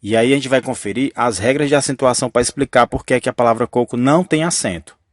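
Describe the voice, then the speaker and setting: A man's voice: medium pitch, fast talker, no echo. Methodical male grammar teacher, dry close sound. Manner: patient, methodical, repeats key rules. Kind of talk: explanatory grammar lesson.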